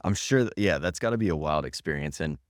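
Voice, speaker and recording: A man hosting a casual interview, asking relaxed conversational questions. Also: very deep voice, quick pace, dry recording, studio quality. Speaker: podcast host.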